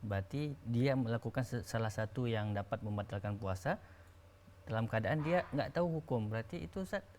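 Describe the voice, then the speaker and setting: A man hosting a religious talk show, deferential and quick to agree, asking the scholar follow-up questions. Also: mid-range voice, a little mellow, a little hiss or hum. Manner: deferential, many agreeing interjections.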